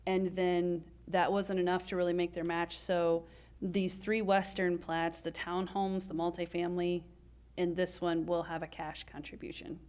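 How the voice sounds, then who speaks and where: A woman's voice: fairly low pitch, flat delivery, moderate pace, darkish tone, smooth. A woman from city planning staff, explaining a development plan step by step to a council, with frequent ums and uhs. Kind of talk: presenting a staff report.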